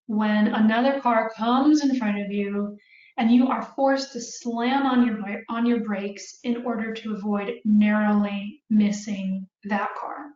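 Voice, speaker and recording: Woman therapist, fairly high voice, calm explanatory delivery, roomy dull recording. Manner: calm, explanatory, asks "right?" often. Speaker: therapist teaching about couples. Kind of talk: recorded talk to viewers. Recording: echoey room, dull sound.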